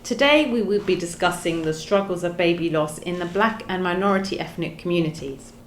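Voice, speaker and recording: A woman from hosts a podcast discussion. She talks in a measured, earnest way and stumbles into small restarts, in a roomy, echoing room. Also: lowish voice, a little hiss or hum. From London, England. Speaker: podcast host. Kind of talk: podcast discussion, partly read from research notes. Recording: roomy echo.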